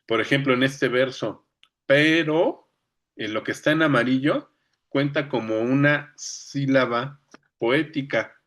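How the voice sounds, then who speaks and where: A man's voice: mid-range voice, measured pace, a bit bright. Chatty Mexican man teaching a class. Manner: conversational, often checks in with listeners. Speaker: speaker on poetry. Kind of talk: informal lecture.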